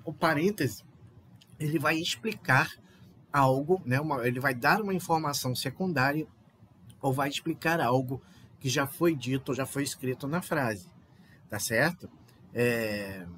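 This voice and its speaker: A man's voice: medium pitch, fairly bright tone, a little hiss or hum. A Brazilian man with a Brazilian Portuguese accent, a native Portuguese speaker, teaching a recorded online Spanish lesson and checking understanding with frequent little tag questions. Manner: explains patiently, often checks with "tá?" and "né?".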